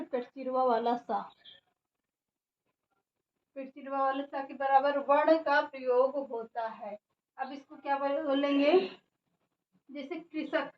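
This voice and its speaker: A woman teaching a grammar lesson who keeps asking questions and answering them herself. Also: sits high. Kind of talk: classroom lesson. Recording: echoey room, dull sound, faint background noise.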